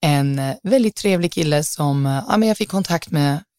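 A woman's voice: low voice, animated, a little mellow, clean tone, dry recording, clean studio sound. A young woman, hosting a podcast and telling a dating story in a chatty, dramatic way, dropping English phrases into her talk. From southern Sweden. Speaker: podcast host. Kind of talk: casual storytelling.

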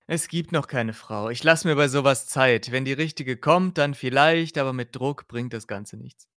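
A man's voice: mid-range voice, normal speed, a bit bright, dry recording, studio quality, close to an everyday voice. A man reading the part of a short-tempered young detective, indignant and heated. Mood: annoyed.

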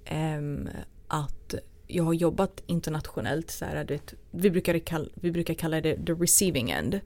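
A woman's voice: low-pitched, a little mellow. A woman from Sweden, a guest in her thirties, telling anecdotes in a casual interview and acting out the dialogue.

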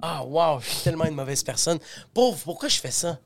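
A man with a Québécois accent chatting casually on a podcast, telling lively stories and acting out other people's voices. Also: a little high, a little fast, vocal fry. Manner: animated storyteller, acts out voices, slangy. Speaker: podcast host. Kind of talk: casual chat.

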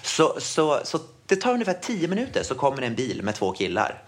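A man co-hosting a casual chat, telling an anecdote and acting out the people in it. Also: medium pitch. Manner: animated storytelling, acts out quoted people. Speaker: podcast co-host.

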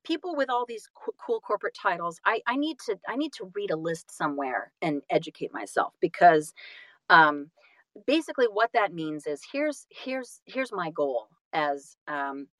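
Her voice sits fairly low and moves at a moderate pace, recorded without echo. She's an actor and audiobook narrator chatting as an interview guest, warm and effusive, often acting out brief quotes and side remarks.

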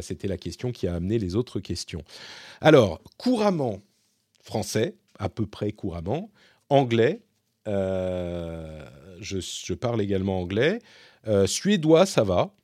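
A man's voice: lowish voice, mellow, dry recording, studio quality. A man hosting a casual question-and-answer session, talking in a rambling way with many fillers and restarts. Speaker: host. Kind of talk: casual Q&A monologue.

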